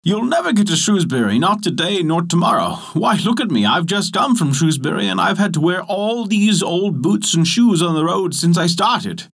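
A man voicing a crafty male cobbler in a folk tale, speaking quick and pitched up to talk a traveller out of his plan. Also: lively intonation, vocal fry, fairly bright tone, husky, heavily acted. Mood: sly, persuasive. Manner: quick, pitched up, talking fast to fool.

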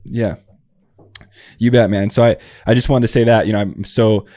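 First comes the ad read for his workshop, then an interview: this young host greets his remote guest with enthusiasm and lavish compliments. His voice is on the low side and mellow, steady at a normal speed, with no room sound in the recording.

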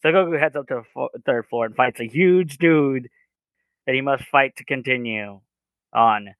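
A man with an ordinary mid-range voice walks through a plot recap in casual podcast talk, pausing often on filler sounds. The sound is close and dry, with no room echo. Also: mid-range voice, fairly bright tone. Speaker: podcast co-host.

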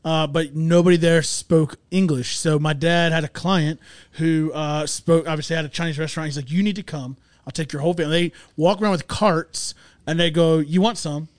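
A man with a slightly high voice hosts a casual podcast chat. The sound is close and dry, with no room around it. He rambles through his stories with plenty of fillers. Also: steady tone, a little fast, no echo. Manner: rambling, filler-heavy storytelling. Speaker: podcast host.

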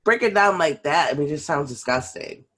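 A woman's voice: sits low, expressive, a little fast, fairly bright tone. A woman co-hosting a casual podcast, reacting frankly with disgust and swearing freely. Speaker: podcast co-host. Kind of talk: casual chat.

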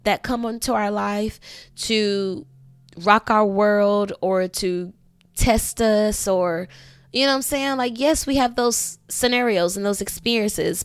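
A woman's voice: medium pitch, smooth, no room sound. A woman podcast host and intuitive coach, talking casually and bluntly, with lots of "you know" and some swearing.

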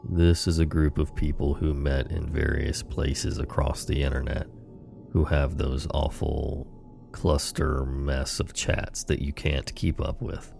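A man hosting a horror podcast, narrating scary stories in a slow, ominous horror-host manner. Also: a bass voice, creaky, darkish tone.

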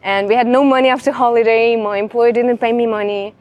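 A woman's voice: fairly high pitch, fairly even intonation, fairly quick, a little mellow, muffled recording. Young woman telling her story. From Ukraine. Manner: chatty, fills with "like" often. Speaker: guest. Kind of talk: casual interview storytelling.

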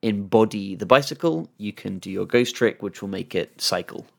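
A man co-hosting a podcast, chatting casually in a relaxed, hesitant way. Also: lowish voice, normal speed, creaky. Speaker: podcast co-host. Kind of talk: casual chat.

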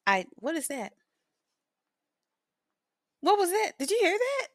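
A woman's voice: very high voice, big pitch swings, takes it slowly, dry recording. A woman around thirty, a podcast guest in casual chat who laughs often and pokes fun at herself. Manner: laughs often, chatty and self-mocking.

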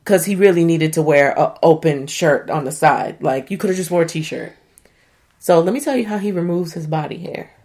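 A woman casually recapping a reality dating show, animated and slangy, swearing and laughing often. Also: low-pitched, normal speed. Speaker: show reviewer.

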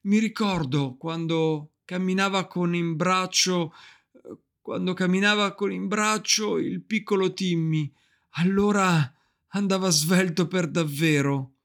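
Brief: man doing a tired storybook mother, soft and brave, pitched higher, gravelly edge. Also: a little slow. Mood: tender, brave. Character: weary tender mother, hiding her tears.

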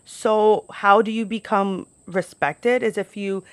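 A woman's voice: medium pitch, fairly even intonation, slow pace, no echo. A young American woman telling personal stories casually to camera, chatty and candid, peppering her talk with "like". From United States, New York and Florida. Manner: candid, chatty, frequent "like" as filler. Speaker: podcast host. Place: outdoors at home.

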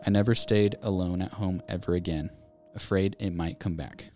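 A man's voice: low-pitched, moderate pace, soft background music. A man co-hosting a podcast, reading listener ghost stories aloud and chatting casually. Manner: reads aloud in a steady storytelling way. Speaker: podcast co-host.

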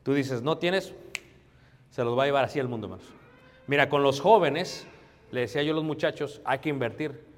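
A man's voice: mid-range voice, brisk, long pauses. A man preaching a sermon conversationally, often calling out to his congregation as brothers. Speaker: pastor. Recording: long hall reverb.

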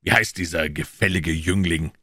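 A man voicing a shrewd, calm detective who explains in a low, measured, quietly assured way in an audiobook. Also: dry recording, clean studio sound. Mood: dry. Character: shrewd calm male detective, dryly ironic. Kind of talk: audiobook character voice.

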